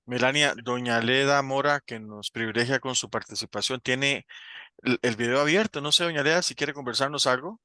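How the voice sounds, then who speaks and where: A man with a bright, forceful tone moderates an online meeting, formally and courteously inviting each guest to speak. His voice is close and dry on the call. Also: mid-range voice, normal speed, no room sound. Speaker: foundation president moderating. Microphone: video call.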